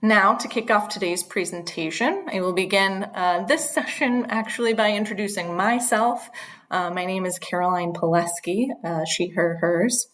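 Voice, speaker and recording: A woman's voice: medium pitch, steady tone, moderate pace, fairly bright tone, poor audio. A woman clinical social worker hosting an online training session, speaking earnestly with frequent ums. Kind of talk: webinar presentation.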